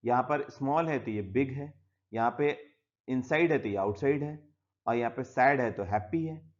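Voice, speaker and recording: Male teacher, mid-pitched, bilingual Hindi-English lesson, step-by-step explaining, slightly dull lo-fi audio. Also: normal speed. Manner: explains step by step, often saying "yahan pe" and "theek hai"; mixes Hindi with English words.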